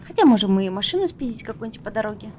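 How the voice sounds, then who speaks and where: A woman's voice: mid-range voice, big pitch swings, rapid-fire, darkish tone, a little hiss or hum. A young woman casually commenting on a game she is streaming, playful and crude, muttering to herself. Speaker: streamer playing a video game.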